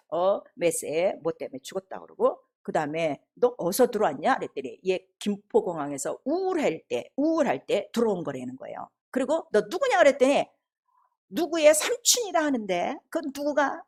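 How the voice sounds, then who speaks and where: A middle-aged woman preacher telling a testimony in a sermon, animated storytelling with laughter and acted-out quotes. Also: on the high side, husky.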